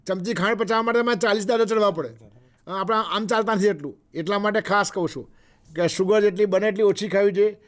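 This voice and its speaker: A man with a Gujarati accent giving a health lecture, unhurried and repetitive, pausing often with fillers. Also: high voice. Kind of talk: health talk mixing Gujarati and English.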